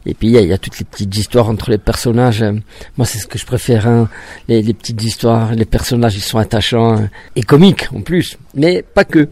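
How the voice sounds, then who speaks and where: Un réalisateur de cinéma qui parle de son film d'un ton posé, avec beaucoup d'hésitations. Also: male voice, medium pitch, a little fast. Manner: relaxed, hesitant with many fillers. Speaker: film director. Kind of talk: press interview.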